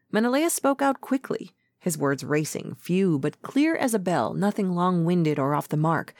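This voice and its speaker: A woman's voice: fairly low pitch, no room sound, studio quality. A woman playing a shrewd old counselor.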